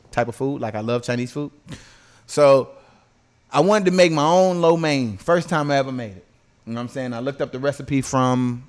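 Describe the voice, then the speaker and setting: A man hosting a podcast, telling stories in casual, profane slang and often checking that listeners follow. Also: mid-range voice. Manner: slangy, profane, repeatedly checks with "you know what I'm saying". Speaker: podcast host.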